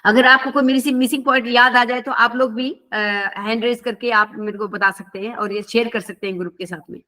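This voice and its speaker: A woman's voice: on the high side, fairly even intonation, a little fast, bright, forceful tone. A woman teaching a scripture class, telling a story conversationally and asking her listeners questions.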